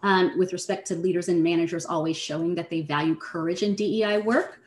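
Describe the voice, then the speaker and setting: A woman leading an online workshop, explaining ideas in a measured way and speaking directly to her audience. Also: lowish voice, fairly even intonation, a little mellow. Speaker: presenter. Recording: roomy echo.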